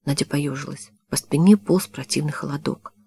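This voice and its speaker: A woman narrating a novel as an audiobook, reading evenly and measured. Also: low-pitched, gravelly, mellow, slightly rough, dry recording. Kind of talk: scripted narration.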